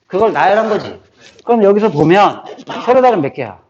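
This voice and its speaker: Man teaching math, a bit higher voice. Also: big pitch swings, a little fast, a little mellow. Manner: checks in with listeners, often tacking on a questioning "eo?"; repeats key phrases over and over for memorization. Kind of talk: classroom lecture on combinatorics. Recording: slightly dull, faintly noisy lecture recording.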